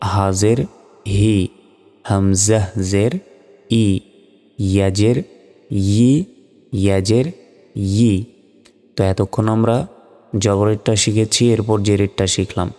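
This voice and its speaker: A man's voice: fairly low pitch, warm tone, long reverb tail. A man teaching Arabic letter sounds for Quran reading, patiently repeating each sound for the learner. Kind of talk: slow recitation lesson.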